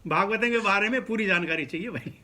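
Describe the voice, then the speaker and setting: A man preaches to a seated audience, his voice high and bright. He talks casually, tosses questions to the room and mixes English phrases into his Hindi. It sounds like a teacher chatting through a scripture class. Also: fast talker. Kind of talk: sermon.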